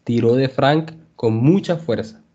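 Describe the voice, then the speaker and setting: A male language teacher reading a story aloud for learners, clear and measured. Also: medium pitch, warm tone. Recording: dull lo-fi podcast audio.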